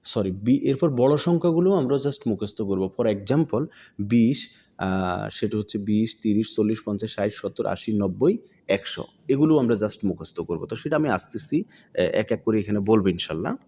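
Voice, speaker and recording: A man's voice: on the low side, lively intonation, normal speed, dark tone. A man giving a video language lesson who keeps asking questions and answering them himself, repeating each step and slipping English words into his speech. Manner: repetitive, questions and answers his own prompts. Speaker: language teacher.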